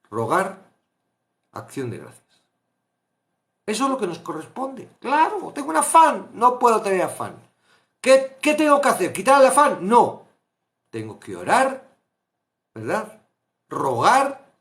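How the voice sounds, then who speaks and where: A man teaching a Bible study, impassioned, swinging between hushed asides and loud exclamations. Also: high voice.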